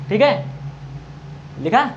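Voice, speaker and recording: Speaking slowly in a high, sing-song voice, a man teaches grammar for an exam, posing questions he then answers and dictating notes. He lengthens vowel sounds to show how they work. Faint noise runs under the dull, lo-fi audio.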